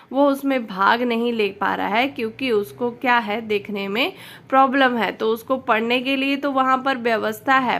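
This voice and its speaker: A woman's voice: fairly high pitch, fairly bright tone. A woman teacher, patiently explaining a textbook lesson to students and repeating each answer.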